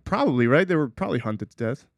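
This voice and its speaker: A man co-hosts a casual chat, playful and quick to cut in with his own remarks. His voice sits at an ordinary pitch. It is recorded close and dry, with no room echo. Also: sing-song, vocal fry. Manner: playful, laughs often, interjects. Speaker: podcast co-host.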